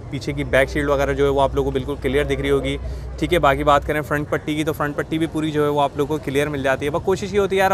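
A man from Pakistan in his 20s reviews cars at an open outdoor market for his vlog, pairing a walkthrough with quick interviews and a repetitive, explanatory style. His voice is fairly high with a little hiss or hum, recorded by a phone at arm's length amid busy street chatter.

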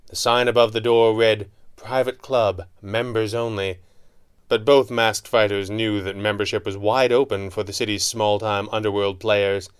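A man giving steady scripted narration of an adventure story. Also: on the low side, normal speed, few pauses, clear, resonant tone.

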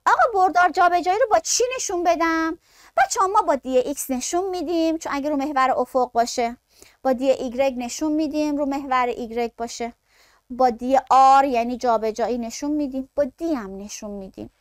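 A woman's voice: high-pitched, dry recording, clean studio sound. A woman teaching a science lesson who asks the class questions, answers them herself, and speaks to her students affectionately. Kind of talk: classroom lecture.

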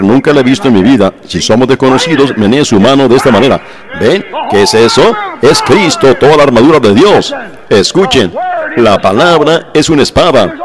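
A preacher voices a translated sermon in a medium-pitched voice, fervent and exclaiming praise while addressing his listeners directly, slowing down on emphatic phrases.

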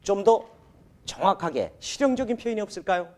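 A man hosting a televised English lesson, energetic and exclamatory, drilling phrases in Korean and English. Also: high voice, fairly quick. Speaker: host of an English lesson show. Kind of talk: animated TV lesson presenting.

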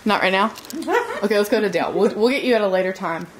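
A woman in her thirties filming a family home video, gently coaxing and directing a small child in a living room. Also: medium pitch, quick pace, a crowd in the background. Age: 30s. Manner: coaxing, playful, directs a toddler. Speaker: family vlogger filming interviews. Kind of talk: casual home video chat.

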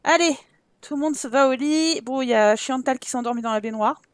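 A woman's voice: sits high, brisk, clean tone. A woman with a French accent giving casual let's-play commentary, teasing and scolding the characters in her game in an exasperated way. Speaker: gameplay commentator.

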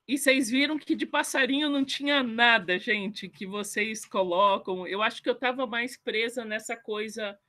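A woman on a video call in an online book club, chatting casually and self-deprecatingly, and reading her own short poem slowly. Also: fairly high pitch, pushed and bright. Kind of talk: casual online group chat. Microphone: computer mic on a video call.

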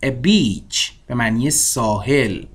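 A man teaching an English lesson, saying each word slowly and repeating it for learners. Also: mid-range voice, animated, breathy edge. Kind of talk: language lesson.

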